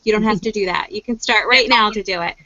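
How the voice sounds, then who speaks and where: A woman's voice: mid-range voice, quick pace, sharp tone, no echo, dull audio. A woman hosting a round table chat, upbeat and encouraging listeners to act. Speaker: host.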